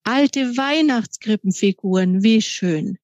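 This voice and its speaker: A woman voicing an eager, warm-hearted mother in a storybook. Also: medium pitch, moderate pace, dry recording, natural voice. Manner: delighted, eager. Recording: dry, slightly dull recording.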